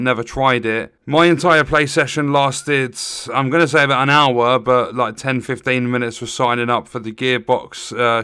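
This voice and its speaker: A man records an off-the-cuff game review voice-over. His voice is bright and forceful, in a middling register. He lays out his complaints plainly, with frustration, in a close, dry recording. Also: mid-range voice, smooth, no echo. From Europe. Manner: frustrated, matter-of-fact complaining.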